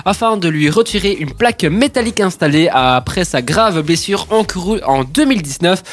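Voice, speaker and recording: A man's voice: sits high, moderate pace. A man hosting a casual radio show, joking with his co-hosts and reading sports news. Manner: jokey, teasing, animated.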